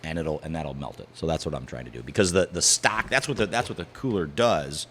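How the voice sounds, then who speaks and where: A man's voice: extremely low pitch, a little fast, a bit bright, a little hiss or hum. A man co-hosting a casual podcast, joking around and swearing casually. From Ohio. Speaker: podcast co-host, bar owner. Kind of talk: casual chat. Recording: long reverb in the room.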